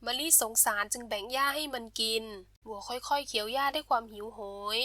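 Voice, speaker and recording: A woman narrating a bedtime storybook in a gentle, steady and expressive way. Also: fairly high pitch, a little fast, no room sound.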